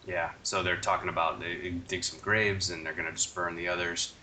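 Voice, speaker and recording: Male podcast co-host, low bright voice, halting chatty recap, a bit off-mic with faint hiss. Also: level tone, recorded from a distance. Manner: rambling, halting recap with mock-shouted quotes. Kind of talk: casual chat.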